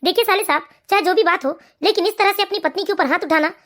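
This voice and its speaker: A woman's voice: very high voice, quick pace, fairly bright tone. A woman voicing a polite young brother-in-law. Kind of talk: animated storybook voice acting.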